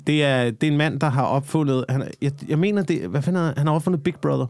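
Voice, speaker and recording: A man's voice: fairly high pitch, a little mellow, no room sound. A man co-hosting a podcast in casual chat, wry and sarcastic. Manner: wry, sarcastic, laughing asides. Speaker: podcast co-host.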